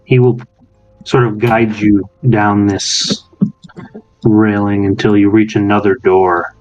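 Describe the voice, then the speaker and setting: A man's voice: lowish voice, level tone, takes it slowly, a little mellow, faint music behind, low-quality recording. A man running a tabletop game as game master, narrating and chatting casually.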